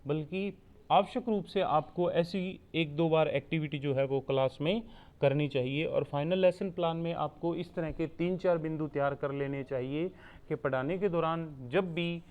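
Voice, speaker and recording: A man giving a steady explanatory online lecture as a teacher-training instructor, repeating points so students can take notes. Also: on the high side, clean tone. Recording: tinny phone-like recording.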